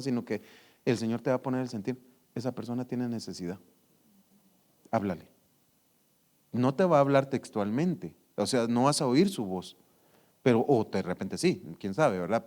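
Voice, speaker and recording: A man with a Guatemalan Spanish accent preaching a sermon as a church elder, telling stories with acted dialogue and tagging sentences with "¿va?". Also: medium pitch. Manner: animated storytelling with acted dialogue, frequent "¿va?" tags.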